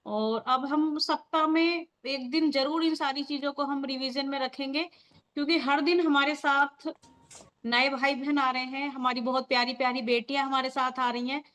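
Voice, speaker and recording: A woman's voice: high voice, fairly bright tone. A woman leading a motivational training meeting on a video call, talking in an earnest, firm and encouraging way. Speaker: meeting leader.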